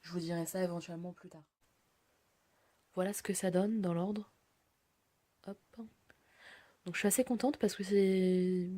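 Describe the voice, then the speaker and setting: A woman's voice: fairly low pitch, dark tone. A woman vlogger casually walking through a haul of products and their prices, chatty with frequent fillers. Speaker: beauty vlogger.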